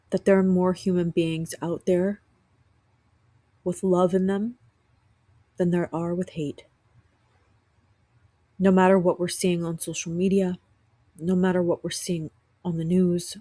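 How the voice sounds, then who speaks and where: A woman podcast host, sick and rough-voiced, talking earnestly from her couch at home in a reflective spiritual monologue with frequent restarts. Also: fairly low pitch, warm tone, no echo.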